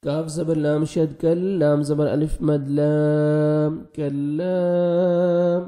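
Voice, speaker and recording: A man teaching tajweed, spelling letters quickly and then reciting each word slowly and drawn out. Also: fairly high pitch, level tone, dark tone. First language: Urdu. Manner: alternates rapid explanation with slow drawn-out recitation.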